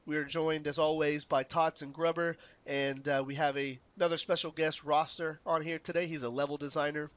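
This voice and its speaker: A man hosting a relaxed podcast chat while getting over a cold, easygoing and joking with lots of fillers. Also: fairly high pitch, brisk, hardly any pauses. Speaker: podcast host.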